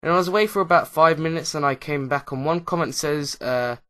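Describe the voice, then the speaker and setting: A man's voice: on the high side, fairly quick, fairly bright tone. A man talking casually over his Minecraft footage as a YouTuber, hesitant and full of uh and um fillers, often losing track mid-sentence. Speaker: YouTuber, Minecraft Let's Player. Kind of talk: casual commentary over gameplay.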